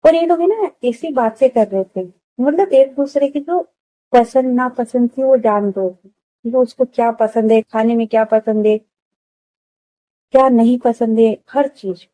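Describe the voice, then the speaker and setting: Hoarse woman telling a love story. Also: fairly high pitch, a little slow, warm tone, no room sound, rough recording. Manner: chatty, stops to address listeners. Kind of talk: casual spoken story narration.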